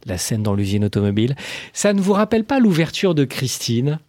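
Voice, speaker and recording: A man giving enthusiastic film commentary, animated and full of exclamations and quick asides. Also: mid-range voice.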